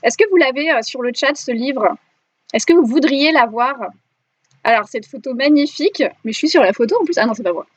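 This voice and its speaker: A bubbly French woman hosts a casual live interview and keeps turning to her chat. Her voice sits high and the sound is dull and dry, a bit lo-fi. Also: fairly quick, dry recording. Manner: bubbly, chatty, talks to the chat. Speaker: interviewer and live stream host.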